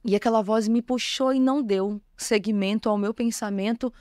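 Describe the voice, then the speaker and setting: A woman's voice: on the high side, steady tone, moderate pace, darkish tone, no room sound, clean studio sound. A woman, a bishop, telling her personal testimony in an interview, earnest and emotional. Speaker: bishop, guest.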